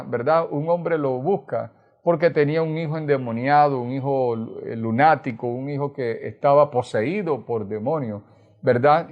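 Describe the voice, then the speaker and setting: A man's voice: medium pitch, lo-fi sound. A man from Colombia with a Colombian Caribbean accent, preaching a sermon as pastor, earnestly retelling scripture with tag questions. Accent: Colombian Caribbean Spanish.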